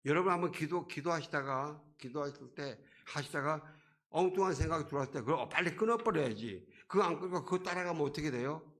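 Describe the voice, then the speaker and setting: A man pastor preaching a sermon in a church, swinging between quiet and loud and briefly acting out the voices of a crowd and a beggar. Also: a little high, brisk. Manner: acts out crowd and beggar voices, rising and falling loudness. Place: church sanctuary.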